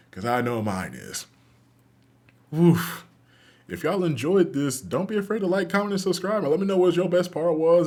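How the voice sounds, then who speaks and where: A man doing excitable play-by-play commentary over a football video game, calling each play like a sportscaster. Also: medium pitch. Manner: excitable, calls plays like a sportscaster. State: out of breath at the end. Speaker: YouTube gaming host.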